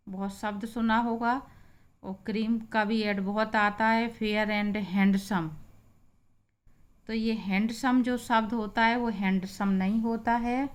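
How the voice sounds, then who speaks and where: A woman teaching English pronunciation, patiently spelling out example words and repeating each one slowly. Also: medium pitch. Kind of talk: slow spoken pronunciation lesson.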